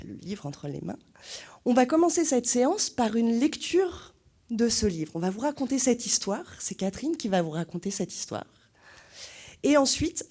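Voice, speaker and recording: A woman hosting a film screening for young children, asking them questions in a lively way. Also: on the high side, slightly rough. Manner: animated, asks the children questions. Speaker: cinema host presenting a screening to children. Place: cinema hall.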